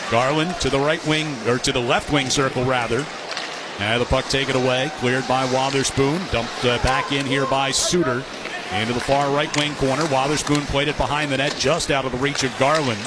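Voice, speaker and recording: A man calls live hockey play-by-play on radio, describing the action in clipped phrases. His mid-range voice keeps a normal speed and fairly even intonation. The broadcast is noisy, with loud arena sound behind him.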